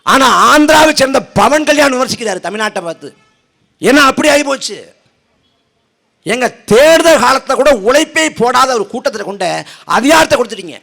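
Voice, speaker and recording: A man's voice: very high-pitched, expressive, brisk, gravelly, pushed and bright. A man giving a fiery political speech at an outdoor protest rally, sarcastic and mocking, firing off rhetorical questions. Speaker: party speaker at a protest rally.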